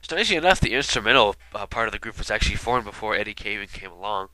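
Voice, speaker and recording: This video commentator talks very fast in a fairly low, expressive voice with a bright, forceful tone, though the recording is low quality. Stuffy-nosed from illness, he rambles casually through an album retrospective, full of fillers and side remarks.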